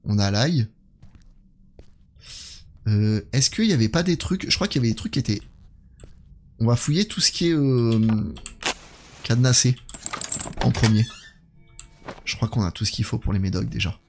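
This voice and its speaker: A man's voice: medium pitch, expressive, moderate pace, long pauses, a little hiss or hum. A man streaming a horror game live, thinking aloud and talking to his viewers in a chatty way. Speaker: gaming streamer. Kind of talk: live let's play commentary.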